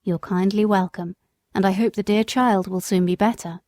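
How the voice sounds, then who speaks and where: A steady, kind-hearted cab driver, read by a woman close to her own voice, gentle but firm. The delivery is plain and even, with no strong put-on character. The sound is dry and close. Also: mid-range voice, normal speed, dry recording, natural voice. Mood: kindly firm.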